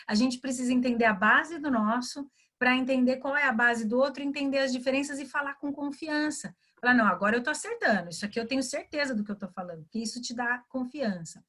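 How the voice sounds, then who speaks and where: A fairly high-voiced woman from Brazil speaks as a mentor in an online webinar. She talks in a lively way, acts out little dialogues and keeps checking in with her listeners. The sound comes through a video call. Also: fast, hardly any pauses. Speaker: guest, career and English mentor. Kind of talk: explaining in a webinar chat.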